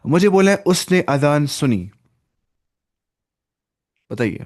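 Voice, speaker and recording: A man's voice: fairly high pitch, very animated, darkish tone. A male language teacher in an online lesson, who drills phrases, repeats them and prompts his student to answer. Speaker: Arabic teacher.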